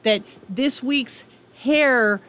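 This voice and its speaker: A woman's voice: on the high side, drawn-out words, fairly bright tone. A woman speaking as an interview guest, explaining things in an emphatic, conversational way. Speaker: ranch development director, radio guest. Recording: clear background noise.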